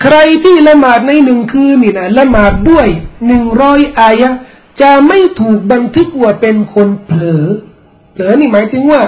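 A man preaching an Islamic sermon, explaining in a relaxed, conversational way and weaving in recited Arabic quotations. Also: very high-pitched, dull audio. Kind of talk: religious sermon.

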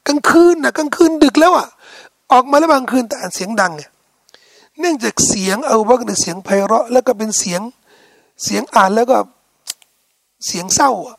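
A man preaching an Islamic lecture, telling the story in a colloquial, animated way and putting rhetorical questions to his listeners. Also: very high voice, fairly quick, creaky, pauses often, dry recording, clean studio sound.

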